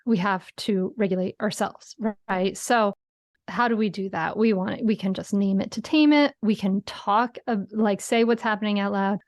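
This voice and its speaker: Woman guest, mid-pitched, earnest explainer, dry and close. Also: moderate pace, dry recording. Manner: earnest, explanatory, often adds a tag question. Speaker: parenting guest. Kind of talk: casual interview chat.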